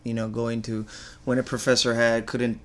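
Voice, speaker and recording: A middle-aged man from Argentina, a business owner answering interview questions in a relaxed, rambling way with many fillers. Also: medium pitch, normal speed.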